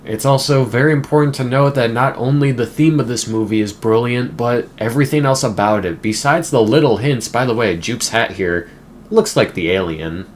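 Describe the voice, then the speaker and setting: A man talks through a film in a casual video-essay style at a mid-range pitch. He is conversational and emphatic and drops in offhand side remarks. A faint hiss of noise sits behind his voice. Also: moderate pace. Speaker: movie reviewer.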